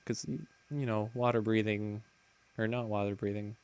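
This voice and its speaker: A man's voice: fairly low pitch, level tone, normal speed, darkish tone, clean tone. A man hosting a casual game commentary, chatting in a rambling way and often correcting himself mid-sentence. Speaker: let's play host.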